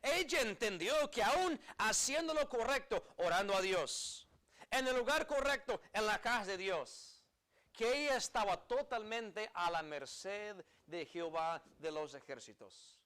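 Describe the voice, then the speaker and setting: A man's voice: high-pitched, lively intonation, unhurried, fairly bright tone. A man preaching a sermon in earnest, emphatic phrases, repeating key words, with an American accent as a native English speaker. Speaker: pastor.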